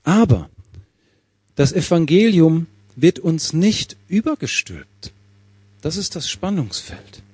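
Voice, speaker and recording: Prediger mit warmer, rauer Stimme. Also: male voice, fairly high pitch, takes it slowly, breathy edge, no room sound. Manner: lively preaching, verse by verse, with questions to the congregation. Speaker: preacher. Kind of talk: sermon.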